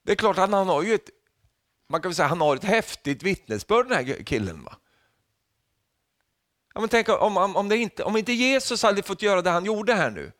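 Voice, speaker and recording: A man preaching a lively sermon, his pitch swinging widely as he jokes with the congregation. The sound is dry and close, with no room echo. He peppers his lines with questioning tags and rises to loud calls whenever he quotes. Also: pauses often. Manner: rises to loud calls when quoting Jesus.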